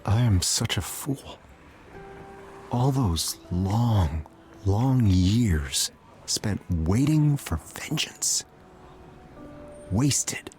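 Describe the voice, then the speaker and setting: A man's voice: on the low side, expressive, very slow, long pauses, darkish tone, soft background music. A man playing a brooding, melodramatic dead musician of Greek myth in a video game, theatrical and self-pitying. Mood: despondent.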